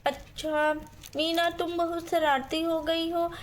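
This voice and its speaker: A woman's voice: very high voice, level tone, slow, slight background noise. A woman voicing a scolding young village mother in a doll story, exasperated with her mischievous daughter. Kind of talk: doll story role-play.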